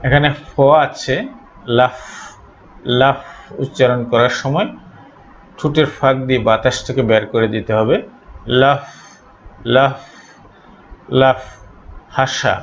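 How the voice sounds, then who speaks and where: A man from Bangladesh teaching a pronunciation lesson, saying each word slowly and repeating it again and again for his students. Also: mid-range voice, steady tone. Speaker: English teacher. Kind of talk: slow spoken pronunciation lesson. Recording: dull lo-fi recording, faint noise.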